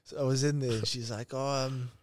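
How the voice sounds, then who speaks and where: A man's voice: medium pitch, steady tone, quick pace, a little mellow, no echo, studio quality. A man hosting a casual interview, informal, matey and sympathetic in how he talks. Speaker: podcast host, interviewer.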